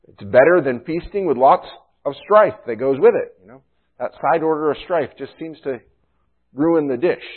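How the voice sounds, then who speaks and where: A male pastor delivers a sermon in an easygoing, conversational way, checking in with his listeners with little asides. His voice sits at an ordinary pitch for a man. The recording is thin and tinny, with a narrow, phone-like sound. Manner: conversational preaching with frequent "you know" and "right?".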